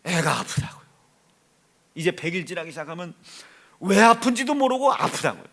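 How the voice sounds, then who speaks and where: A middle-aged male pastor from Chungcheong with a Chungcheong accent, preaching a sermon in an animated storytelling way that swings from hushed asides to loud exclaiming. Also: sits high, fairly quick. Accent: Chungcheong Korean. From Chungcheong, South Korea.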